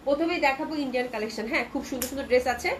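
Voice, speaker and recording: A woman's voice: sits high, very fast, a little hiss or hum, poor audio. A woman from Bangladesh hosting a live clothing sales stream, chatting with viewers and reading out their comments, with a sore throat from a cold. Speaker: online clothing seller.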